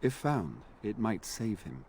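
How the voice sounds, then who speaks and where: An actor playing an earnest, weary knight in a video game, speaking in formal, courtly phrases. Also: male voice, lowish voice, sing-song, slow pace, darkish tone, breathy edge, exaggerated voice. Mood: solemn. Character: earnest knight sworn to a noble lord, weary and dutiful. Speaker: game character.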